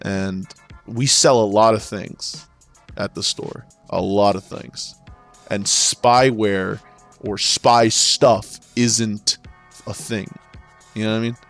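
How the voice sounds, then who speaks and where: A man's voice: on the low side, fairly even intonation, slow pace, a bit bright, soft background music. A man who works in retail sales, telling stories in an exasperated, profane rant with frequent stumbles and restarts. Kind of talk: ranting storytelling.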